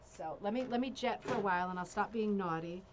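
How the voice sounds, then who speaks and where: Woman, bingo caller, craft show host, medium pitch, chatty and digressive, casual live delivery, audible background noise. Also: a little fast. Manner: bingo caller announcing calls and reading out details; chatty, digressive, frequent "right?" check-ins. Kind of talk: casual live show chat with read-out descriptions.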